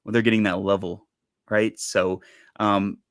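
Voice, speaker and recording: A man's voice: lowish voice, flat delivery, measured pace, smooth, no room sound, clean studio sound. A man co-hosting a sports podcast, chatting casually and rambling with lots of fillers. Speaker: podcast co-host. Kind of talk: casual chat.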